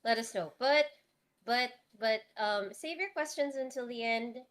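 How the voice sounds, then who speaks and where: A woman's voice: fairly high pitch, a little slow, a bit bright. A woman co-hosting a casual livestream, explaining things in an informal, tentative way with repeated words. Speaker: writer-director co-hosting a stream.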